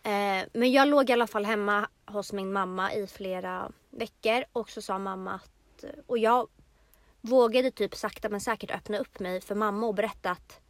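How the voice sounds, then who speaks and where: A woman's voice: mid-range voice, no echo. Earnest young woman, dry close mic. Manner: earnest, slow and reflective retelling. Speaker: podcast co-host. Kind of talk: personal casual chat.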